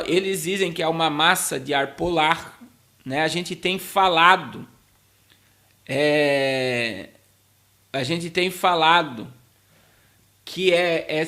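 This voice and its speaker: A man with a Brazilian Portuguese accent gives informal commentary to viewers as a pastor, in a halting way that repeats words. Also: fairly high pitch, bright, forceful tone. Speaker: pastor hosting a talk show.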